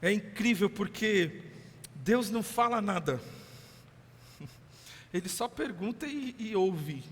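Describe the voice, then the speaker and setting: A male Brazilian pastor giving a lively sermon, acting out voices with laughing asides. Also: sits high, takes it slowly, slightly rough. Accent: Brazilian Portuguese. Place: church hall. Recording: long hall reverb.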